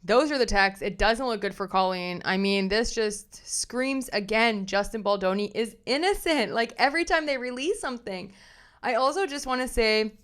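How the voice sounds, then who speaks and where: A young adult woman hosting a casual commentary vlog, chatty and animated as she reads messages aloud and reacts to them. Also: on the high side, normal speed. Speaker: pop culture commentary host.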